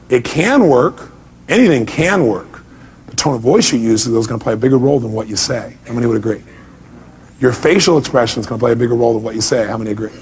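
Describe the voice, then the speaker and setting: A man whose voice is distinctly high and a bit bright leads a motivational talk with real emphasis. He keeps asking rhetorical questions, mimics how people react, and drives home his central ideas by saying them again and again.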